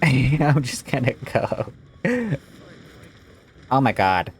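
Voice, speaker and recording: While playing a video game, a woman with a bass voice speaks very slowly, giving casual, expressive, exclamatory reactions. Game music plays behind her, and there's slight background noise.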